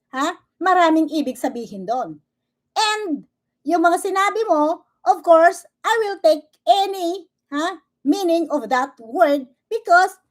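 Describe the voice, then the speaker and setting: A woman vlogger speaks in a fairly high voice, firing off a confrontational rant. She switches freely between Tagalog and English. She keeps jabbing at her target with "okay?" and "ha?". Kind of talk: angry reaction rant.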